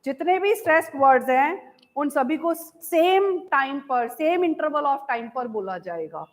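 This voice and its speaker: A woman teacher with an Indian English accent, giving an online class. She mixes Hindi and English, reads key lines out slowly and keeps asking her students whether it is clear. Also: sits high, lively intonation, rough recording. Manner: calls students "beta".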